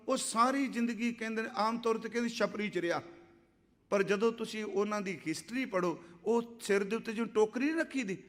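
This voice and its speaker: A man giving a religious sermon, reciting scripture slowly and then explaining it in plain conversational speech. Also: sits high, fairly bright tone, long reverb tail. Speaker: Sikh preacher giving katha.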